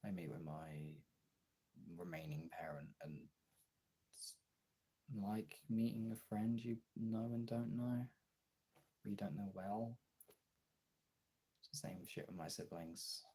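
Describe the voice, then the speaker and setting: A man with a very low, gravelly and husky voice full of fry talks personally with viewers the way a streamer does, halting and candid and swearing often. His tone is mellow, but the audio is poor.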